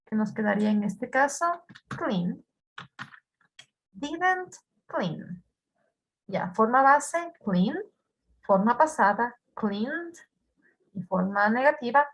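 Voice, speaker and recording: A woman's voice: on the high side, animated, slow pace, breathy edge, muffled recording. A woman with an Ecuadorian Spanish accent teaching English grammar to a class, patiently repeating words and asking her students questions. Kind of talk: online class explaining grammar.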